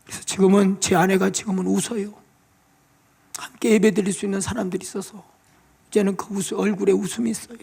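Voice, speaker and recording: High gravelly-voiced male pastor preaching. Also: little pitch movement, quick pace, a little mellow. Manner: emotional testimony, tearful pleading prayers. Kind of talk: sermon. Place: church sanctuary.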